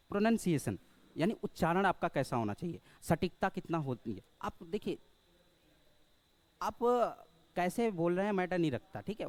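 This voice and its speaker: Higher-voiced man teaching a class. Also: a little mellow. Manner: checks in often with rhetorical questions, addresses listeners as brother; hesitant, with frequent filler sounds and restarts. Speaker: English teacher. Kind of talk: explanatory spoken lesson.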